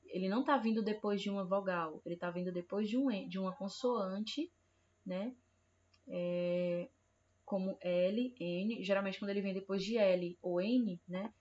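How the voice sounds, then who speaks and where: A woman's voice: medium pitch, darkish tone, muffled recording. A woman teaching an online primary school Portuguese lesson, patiently reading example words and checking that the children follow. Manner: slow, patient, repeats words and checks with "certo?". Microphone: computer mic, online class.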